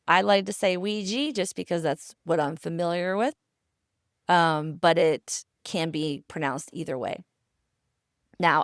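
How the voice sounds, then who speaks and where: Slow, low-voiced woman telling history casually. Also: no echo, clean studio sound. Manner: chatty and conversational, with asides. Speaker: podcast host.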